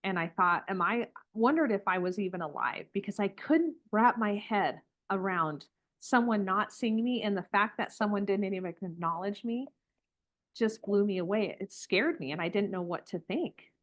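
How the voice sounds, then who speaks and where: A woman's voice: mid-range voice, lively intonation, normal speed, dull audio. A woman interview guest telling her own story earnestly and vividly, quoting her own thoughts along the way. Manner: earnest, vivid retelling with quoted inner thoughts.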